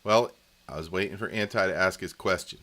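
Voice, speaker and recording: A man's voice: sits low, brisk, bright, forceful tone. A man hosting a casual live stream from home, rambling in a folksy way as he talks to his viewers.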